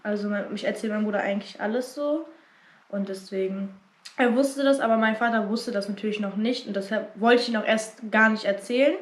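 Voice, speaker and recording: A woman's voice: mid-range voice, brisk. A young woman vlogger telling a personal story in casual chat, acting out what her family said. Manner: animated, acts out quotes of family. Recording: echoey room.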